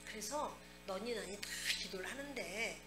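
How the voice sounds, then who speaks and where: A woman pastor preaching a sermon, speaking directly to her congregation with lively asides. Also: mid-range voice, moderate pace. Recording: echoey church hall with music behind.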